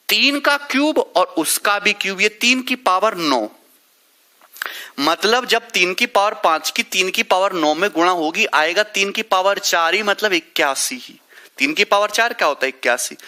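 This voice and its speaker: A man's voice: sits high, sharp tone. A male math teacher, leading a live online class, working through sums step by step and teasing students by name.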